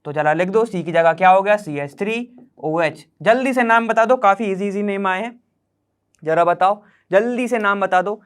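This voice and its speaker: With a high-sitting, clear and resonant voice, a man works through chemistry problems step by step at a moderate pace. He's chatty, quizzes the viewer, and keeps checking in with short "okay"s, repeatedly saying "theek hai."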